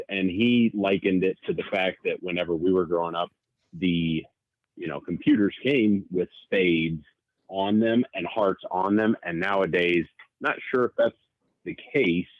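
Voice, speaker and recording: Low-voiced man on a phone line. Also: no echo. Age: 40s. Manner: rambling, hesitant with many fillers. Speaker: caller. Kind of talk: casual chat.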